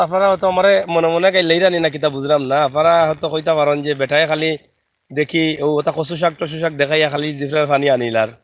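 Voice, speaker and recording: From a riverside village in Bangladesh, a vlogger with a Sylheti accent films outdoors and chats live, calling out viewers by name. His voice is a little high, and the recording sounds dry.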